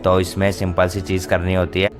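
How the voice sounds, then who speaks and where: A man's voice: low-pitched, completely flat delivery, fairly quick. A young man narrating his study vlog casually, explaining each step in Hindi mixed with English words. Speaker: student vlogger. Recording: voice-over with clear background music.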